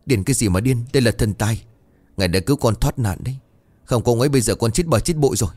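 A man's voice: mid-range voice, expressive, very fast, dark tone, voice pushed up, lightly acted. A man voicing a desperate, obsessed young man, frantic and pleading.

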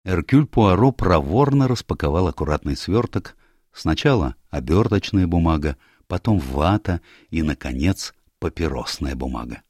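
Low-voiced male audiobook narrator. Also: lively intonation, moderate pace, a little mellow, husky, no echo, clean studio sound.

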